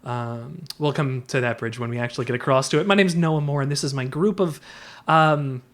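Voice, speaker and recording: A man playing a tabletop game in character, speaking with theatrical, drawn-out formal phrasing. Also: mid-range voice. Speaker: player.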